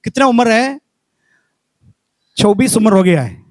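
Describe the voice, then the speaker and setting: A pastor in his fifties from Kerala, preaching a sermon with animated storytelling that builds into fervent exhortation. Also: high voice, a little slow, no room sound. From Kerala, India.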